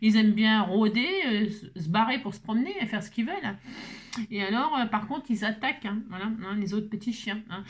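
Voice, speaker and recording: A woman's voice: medium pitch, lively intonation, a little fast. A woman hosting a casual scrapbooking tutorial, chatting with rambling asides and lots of fillers. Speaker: craft tutorial host.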